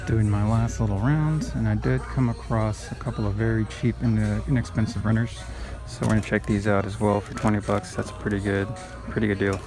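A man in his thirties with a lowish voice talks through a casual vlog, relaxed and chatty with plenty of filler words. He records on a handheld phone held at arm's length, with music playing behind him. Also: fairly quick. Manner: easygoing, chatty, many "go ahead" and "uh" fillers. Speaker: sneaker reseller vlogger. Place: parked car and retail stores.

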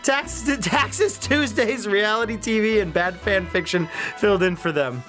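Jokey guy hosting a let's play, high voice, game music going behind. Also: a little slow, fairly bright tone. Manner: jokey, laughs often. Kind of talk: casual gameplay commentary.

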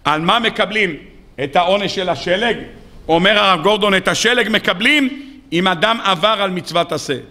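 A man, a rabbi, delivering a sermon and telling the story with lively rhetorical questions. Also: high voice.

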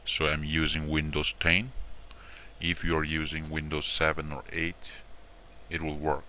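A tutorial presenter with a very low, fairly monotone voice guides viewers step by step through an informal screen-recorded software tutorial. Speaking a little slowly, he repeats his instructions and often checks in with "all right" and "okay." The audio is sharp, with faint background noise.

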